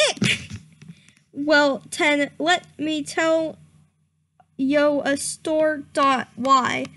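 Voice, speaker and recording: A woman whose voice sits high with a fairly bright tone gives a funny, theatrical reading of fan fiction. Prone to giggles and bouts of helpless laughter, she stumbles on the story's misspellings, voicing them word for word as written.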